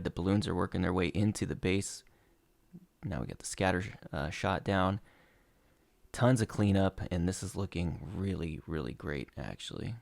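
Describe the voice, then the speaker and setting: A young man who hosts a gaming channel commentates over his own gameplay replays with relaxed play-by-play and frequent "uh" fillers. His low voice is gravelly and worn as he loses it, and the recording is dry and close with no echo.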